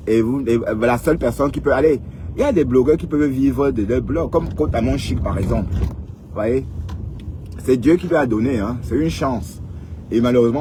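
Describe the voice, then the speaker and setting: A vlogger in his fifties, with a medium-pitched voice and a dark tone, lectures casually in a monologue, reiterating his advice and prodding listeners with frequent "hein?". The recording carries a little hiss or hum.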